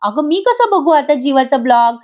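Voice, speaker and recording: A woman's voice: sits high, big pitch swings, moderate pace, a little mellow, pitched above the performer's own voice. A woman voicing an emotional middle-aged mother-in-law who fusses and exclaims in a raised voice. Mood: flustered. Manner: exclaiming, fussing.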